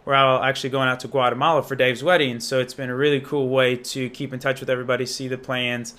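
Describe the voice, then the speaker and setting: Talking fast in a mid-range, slightly bright voice with a level tone, this young Indiana man walks through an app off the cuff. He reviews and demonstrates it in an enthusiastic, slangy, informal way.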